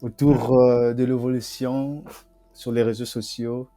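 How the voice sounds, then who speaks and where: Faint music plays under this podcast interview, where a young Congolese student recounts his story in a halting, repetitive way. His voice is medium-pitched and mellow, with a flat delivery.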